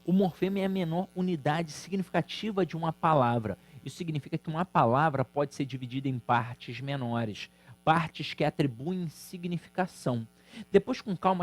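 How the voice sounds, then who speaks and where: A man with a Brazilian Portuguese accent teaching an exam-prep grammar lesson, lively and emphatic, speaking straight to his students. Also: medium pitch. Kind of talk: recorded online exam-prep lecture.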